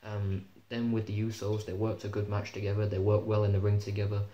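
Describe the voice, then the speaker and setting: A man's voice: lowish voice, monotone, brisk, mellow, dull audio. A young man giving an opinionated, casual review of a wrestling show, swearing freely as he talks. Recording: echoey room with faint hum.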